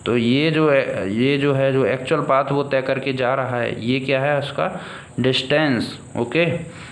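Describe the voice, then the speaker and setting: A man teaches at a board, breaking each idea into slow, deliberate steps and checking in with his students as he goes. He speaks at an ordinary middle pitch. The room gives his voice a hollow echo, with a faint hiss in the background. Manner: slow and deliberate, mixes in English terms, checks in with "okay, students". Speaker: physics teacher. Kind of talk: blackboard lesson explaining step by step. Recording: echoey room with faint noise.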